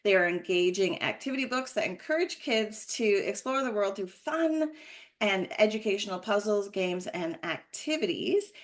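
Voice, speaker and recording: A woman's voice: medium pitch, animated, moderate pace. A woman hosting an interview, introducing her guest and asking questions in an effusive, enthusiastic way. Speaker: podcast host.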